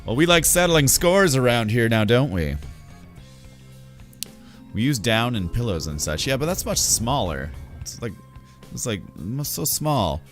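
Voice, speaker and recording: A man's voice: mid-range voice, very animated, measured pace, pauses often, soft background music. Male streamer, casual let's-play chat, light-hearted and rambling. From Canada. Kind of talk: casual let's-play commentary and reading aloud.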